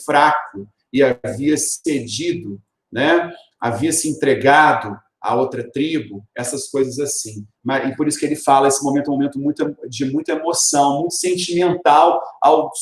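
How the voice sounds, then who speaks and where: A male literature teacher, giving a recorded video lesson in an explanatory way and tagging his points with rhetorical questions. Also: a little high. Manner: explanatory, tags lines with rhetorical "né?". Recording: roomy echoey room.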